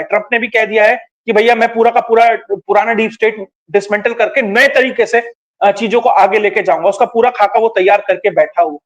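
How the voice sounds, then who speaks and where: A man giving political commentary in a measured, explanatory way, pausing often on fillers. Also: very high voice.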